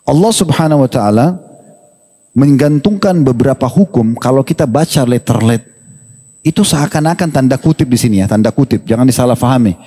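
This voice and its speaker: A man preaching in an animated, humorous question-and-answer talk, acting out quoted dialogue. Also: medium pitch, a little fast. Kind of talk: religious Q&A talk. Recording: long hall reverb.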